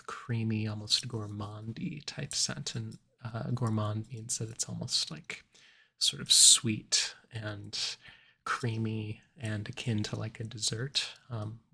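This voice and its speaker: A man in an ASMR role-play as a cologne salesman, giving measured, explanatory sales patter. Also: on the low side, vocal fry, a bit bright, husky.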